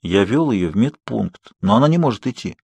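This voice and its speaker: A man's voice: fairly low pitch, animated, fairly quick, creaky, darkish tone, breathy edge, dry recording, full character voice. A man reading the lines of a worried, shaky teenage boy. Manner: anxious, shaky.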